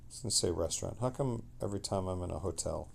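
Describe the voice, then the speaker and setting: On a livestream, a weary middle-aged man talks in a loose, rambling way, stumbling along and leaving thoughts unfinished. He sits low with vocal fry, and there's a slight hiss or hum in the audio.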